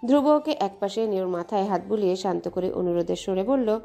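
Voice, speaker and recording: Brief: female narrator, mellow warm tone, steady dramatic storytelling. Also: medium pitch, brisk, creaky, soft background music.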